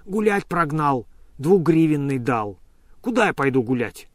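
A man's voice: a little high, very animated, a little slow, no room sound. Stubborn, lazy old male servant, grumbling, read by a man, dry close voice. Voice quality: grumbling, sluggish.

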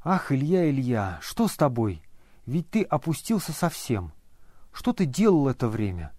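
A man reading a novel aloud and voicing an energetic, resolute grown man who speaks urgently and insistently to an old friend. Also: mid-range voice, normal speed, no echo, studio quality. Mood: insistent, concerned.

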